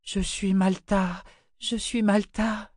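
A man voicing a dazed, vain, sharp-tongued teenage girl in a raised girlish pitch, in a storybook reading. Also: level tone, takes it slowly, dry recording, clean studio sound.

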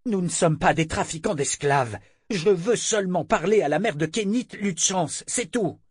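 An earnest, steady captain in an audiobook, pressing his point with insistence, as the narrator puts him on. His voice is pitched higher and lively. The recording is dry and close. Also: moderate pace, breathy edge, dry recording. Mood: insistent. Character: steady male captain, calm but insistent. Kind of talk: audiobook character voice.

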